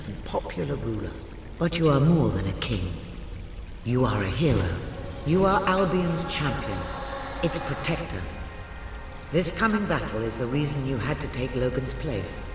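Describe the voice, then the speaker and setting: An actor playing a grave, stately mystical guide in a video game, exhorting a hero. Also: male voice, medium pitch, noisy background, lightly acted. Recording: very echoey long reverb, music behind.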